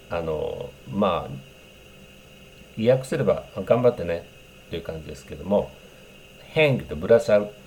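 Brief: male English teacher, low mellow voice, relaxed explainer with lots of fillers. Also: a little hiss or hum. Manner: unhurried, explanatory, many fillers, demonstrates English phrases. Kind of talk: casual spoken lesson on English greetings.

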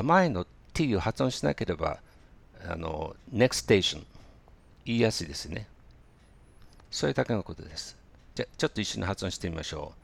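Guy teaching pronunciation, really low voice w/ lots of gravel, hesitant, lots of um and uh, slow demos. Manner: hesitant, many fillers, slow drilled demonstrations. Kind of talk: relaxed spoken lesson.

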